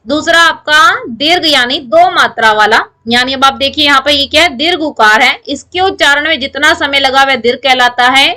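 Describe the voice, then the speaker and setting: Bright high-voiced woman teaching grammar. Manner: explains step by step, asks and answers her own questions. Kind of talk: online lecture to students.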